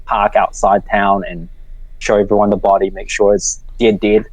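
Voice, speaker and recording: A man's voice: lowish voice, flat delivery, moderate pace, dry recording, rough recording. Casual male gamer, dry sound. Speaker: tabletop game player. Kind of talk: casual in-character and player chat.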